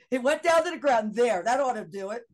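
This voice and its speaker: Middle-aged woman guest, chatty and animated storyteller, laughing as she acts out her own lines. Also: a little high, normal speed. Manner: animated anecdote with laughs and quoted dialogue. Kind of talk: casual storytelling.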